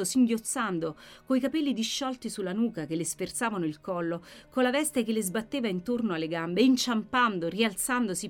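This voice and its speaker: A woman reading a novel aloud with vivid, dramatic narration. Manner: expressive, with sharp swings in pitch and loudness. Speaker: audiobook narrator.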